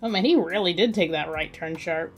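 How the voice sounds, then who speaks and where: Sketching on her livestream while music plays, this artist thinks out loud in a relaxed, musing way. She speaks briskly in a fairly low pitch.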